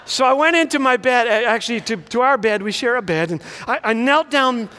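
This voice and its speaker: High-voiced man, echoey hall. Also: a little fast, pushed and bright. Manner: storytelling with comic timing. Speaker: graduation speaker. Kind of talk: humorous inspirational speech.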